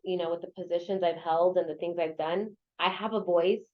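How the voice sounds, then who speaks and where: Speaking a little fast with fairly even intonation, a low-voiced woman takes part in a casual interview over a video or phone call, so the sound is muffled. She is an El Paso, Texas real estate agent who heads a local association, and she responds earnestly with many "you know" fillers.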